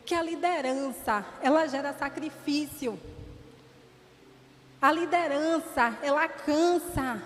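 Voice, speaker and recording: A woman in her thirties preaching a sermon with animated storytelling. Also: sits high. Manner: animated storytelling, acting out dialogue. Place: church hall. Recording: reverberant church hall, faint noise.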